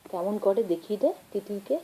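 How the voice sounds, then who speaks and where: Woman, mock-cross and teasing with a toddler at home; very warm, dark tone. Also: medium pitch, brisk, poor audio. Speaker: family member playing with a toddler. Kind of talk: home video baby talk.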